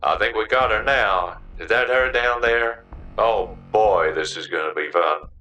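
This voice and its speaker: A man's voice: lowish voice, measured pace, sharp tone, voice pushed up. Man doing a gloating masked hunter. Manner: taunting, gleeful.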